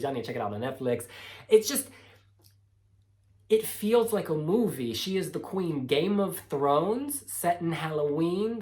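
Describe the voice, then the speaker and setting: A woman's voice: low voice, darkish tone. A woman hosting a music reaction video, giving enthusiastic commentary in an effusive, exclamatory way with dramatic phrasing. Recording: music playing behind the voice.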